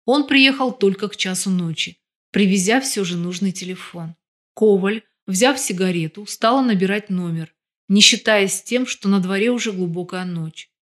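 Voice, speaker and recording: A woman narrates a novel for an audiobook. She keeps an even storytelling pace. Her voice sits at a middling pitch. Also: normal speed. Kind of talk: scripted narration.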